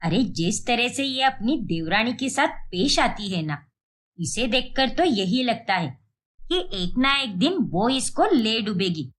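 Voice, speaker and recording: A woman voicing a bossy, scheming middle-aged mother who scolds her daughter in an animated storybook. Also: a little high, measured pace. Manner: scolding, insistent.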